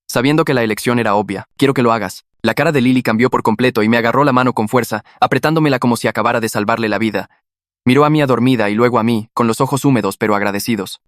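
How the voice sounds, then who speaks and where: A man narrating a scripted first-person story in a brisk, steady read. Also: medium pitch, dry recording, clean studio sound.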